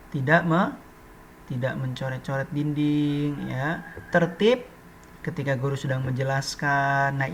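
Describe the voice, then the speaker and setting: A man's voice: a little high, a bit bright. A man teaching a primary school lesson to children, asking questions and answering them himself. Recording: slightly dull recording with faint noise.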